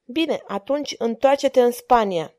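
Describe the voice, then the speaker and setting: Earnest young king, stubborn, firm, mellow low tone, storybook reading, read by a woman. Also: close to an everyday voice.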